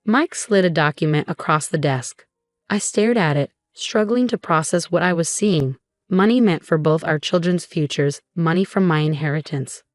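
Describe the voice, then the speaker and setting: A woman reading a first-person story as scripted narration, in a steady, measured way. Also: sits low, dry recording, studio quality.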